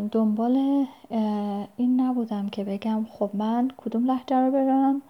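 Hesitant woman with a gravelly, mellow voice. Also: fairly high pitch. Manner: hesitant, many pauses and fillers; politely formal phrasing. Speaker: language learner giving advice. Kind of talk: casual spoken advice. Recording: dull lo-fi recording.

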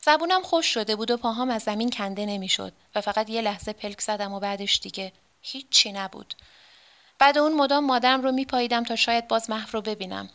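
A woman narrating a dark story in a measured, dramatic way. Her voice is bright and clear, with even delivery. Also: fairly high pitch.

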